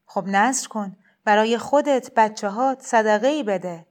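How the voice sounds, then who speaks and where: A woman voicing a gentle, persuasive male shrine cleric in a storybook reading, speaking in a heavy, soft, kindly insistent way. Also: on the high side, natural voice. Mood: coaxing.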